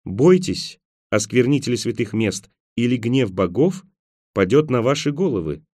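A male reader voicing an eager, excitable young woman exploring a tomb in an audiobook, urgent and quick to give orders. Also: mid-range voice, no echo, studio quality, lightly acted. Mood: solemn.

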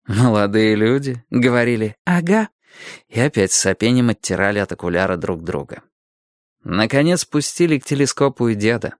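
A man narrating an audiobook story calmly and expressively. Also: fairly low pitch, a little fast, no echo, clean studio sound. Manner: calm, expressive.

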